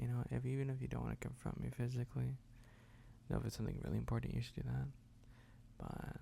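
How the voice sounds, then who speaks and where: A sleepy, tender boyfriend played by a man murmurs to his partner in an ASMR role-play. His husky voice is dark and mellow, heavy with gravelly fry. He drawls slowly and drowsily, with soft hums and sighs and a gently teasing affection. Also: medium pitch. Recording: faint background noise of rain.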